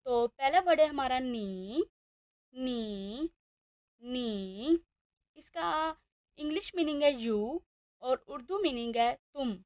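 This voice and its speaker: A woman teacher with a Pakistani Urdu accent leads a beginner lesson in a high voice. She says each word slowly and repeats it several times. The sound is dry and close, with no room echo. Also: expressive. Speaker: Chinese language teacher.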